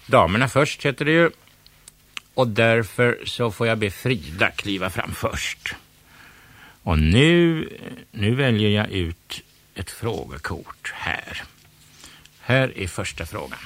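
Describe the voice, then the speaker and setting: A man voicing a pompous, bossy male cat running a quiz, loud and showy, snapping when crossed. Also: fairly low pitch, big pitch swings, no room sound, pitched above the performer's own voice.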